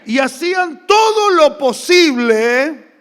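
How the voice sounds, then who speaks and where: High-voiced Argentine pastor preaching emphatically. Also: male voice, takes it slowly, big-room sound. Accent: Argentine Spanish. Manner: emphatic, lively preaching with humorous anecdotes. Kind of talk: sermon. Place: church.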